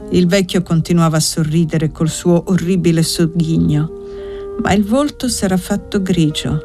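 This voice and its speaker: A woman reading a novel aloud as the narrator, in a measured, unhurried, dramatic way. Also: on the low side, dark tone.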